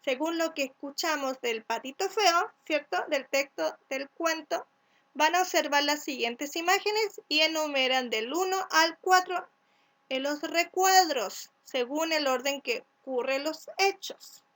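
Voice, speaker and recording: A woman from Chile gives a recorded lesson to first graders. Her voice sits high, and she talks at an unhurried pace. She sounds out each letter and syllable carefully and keeps checking that the children follow. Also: fairly bright tone. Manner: asks "¿cierto?" to check along. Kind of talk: recorded remote class instructions.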